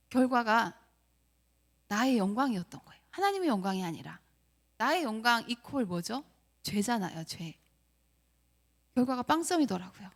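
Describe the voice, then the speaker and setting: A middle-aged woman delivers a sermon in an earnest, confessional tone. Her voice sits a little high and moves through a lively, animated range. She often turns to rhetorical questions as she speaks. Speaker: preacher.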